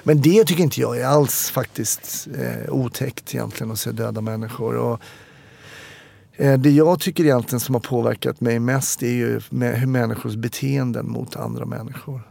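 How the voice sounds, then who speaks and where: Gravelly-voiced man. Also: mid-range voice, fairly even intonation, dark tone, no room sound. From Stockholm, Sweden. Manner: reflective storyteller, frequent hesitations. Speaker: guest, former police officer. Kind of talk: candid interview conversation.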